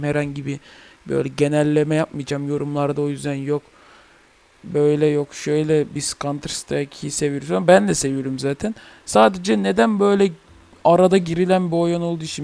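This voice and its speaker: A man's voice: a little high, creaky, darkish tone, dry recording. A young man hosting a gaming channel, ranting heatedly and swearing in a casual chat about a game.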